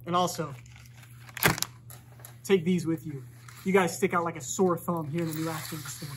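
A man's voice: a little high, fairly even intonation, normal speed, noisy background, lightly acted. A young man playing a defensive orphanage director in an amateur fan film, explaining at length in a meeting hall, recorded on the camera mic. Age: young adult.

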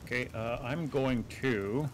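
A mid-pitched man chatting over a team game, stopping and restarting as he gives orders to his teammates. A faint noise sits under his voice. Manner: halting, full of "uh", directing teammates. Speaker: gamer on voice chat. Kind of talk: casual team game chat.

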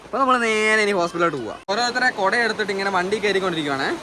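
A family vlogger chats to the camera at home during heavy rain, laughing as he shares the family news. He speaks very fast in a high-pitched voice with lively intonation, picked up by an outdoor mic with loud noise.

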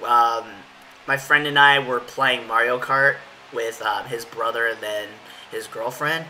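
A man with a hoarse voice giving casual, rambling, opinionated gaming commentary as channel host. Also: medium pitch, fairly even intonation, a little slow, bright, forceful tone, a little hiss or hum, poor audio. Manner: rambling, filler-heavy, opinionated. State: hoarse from yelling.

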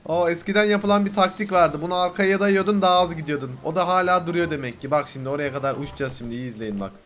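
A young man giving excitable gameplay commentary, loud and swearing often, breaking into yelps and shouts. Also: a little high, rapid-fire, slight background noise. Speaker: gaming video host.

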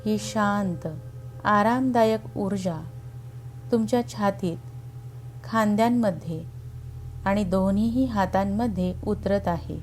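Very slow, mellow woman guiding meditation. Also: mid-range voice, slight background noise. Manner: calm, soothing, unhurried with long pauses. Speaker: guided meditation narrator. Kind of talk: slow guided meditation narration. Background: background music.

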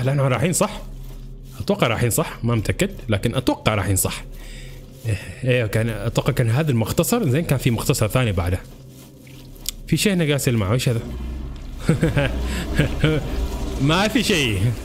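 A man with a Gulf Arabic accent giving excitable gameplay commentary to his viewers, yelping when in danger. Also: medium pitch. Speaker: gaming channel host.

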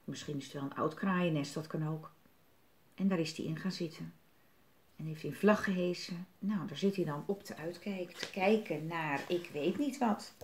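A woman's voice: low-pitched, normal speed, echoey room, slight background noise. A woman reading a picture book aloud to children, chatting and asking them questions between pages. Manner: lively, chatty, questions for kids. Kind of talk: picture-book read-aloud with asides to the listener.

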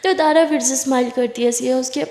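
Woman, high voice, casual storytelling, lively character lines, echoey room, long reverb. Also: brisk. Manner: lively, shifts voice slightly for each character's lines.

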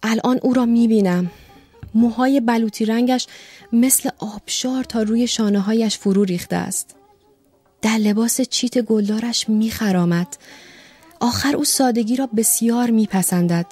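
A woman reading an audiobook, voicing an eager young male secretary who gushes with excitement. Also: a little high, husky, faint music behind, voice pushed up. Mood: gushing. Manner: gushing and breathless with joy.

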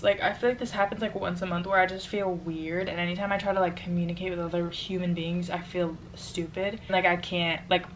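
A young woman vlogging on her phone, chatty and casual, swearing freely and saying "literally" a lot. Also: on the low side. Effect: recorded on a phone. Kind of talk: casual vlog talk to camera. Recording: noisy phone video recording.

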